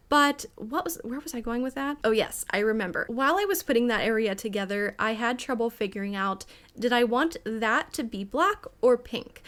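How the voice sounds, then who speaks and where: Hyper, giggly young woman with a higher voice. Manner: hyper, over-caffeinated, excitable and rambling; giggly, often laughs between phrases. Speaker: gaming video creator. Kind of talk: chatty casual build commentary.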